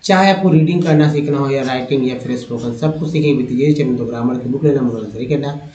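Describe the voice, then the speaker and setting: A man's voice: mid-range voice, dark tone, recorded from a distance. Man teaching phonics in a roomy echo. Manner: explains spelling patterns slowly, repeating words. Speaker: English teacher. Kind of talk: phonics lesson. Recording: dull roomy sound from off-mic.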